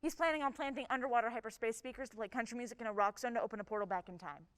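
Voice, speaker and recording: A woman playing a vain, lazy female chief of a cop federation, commanding and brisk in a live stage comedy. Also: on the high side, a bit bright, natural voice. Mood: bossy. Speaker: stage actor. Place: theatre stage. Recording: long reverb of a theatre stage.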